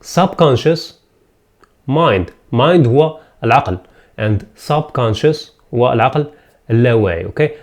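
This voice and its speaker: A man with an Algerian accent teaching English pronunciation, saying each word again and again slowly and switching between Arabic and English. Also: mid-range voice, animated. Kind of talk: pronunciation lesson.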